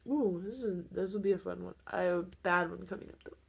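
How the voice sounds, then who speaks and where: A woman talks casually to her viewers in a slightly low voice. She is informal and self-deprecating, speaking as the host of a homemade video. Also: quick pace, gravelly, breathy edge.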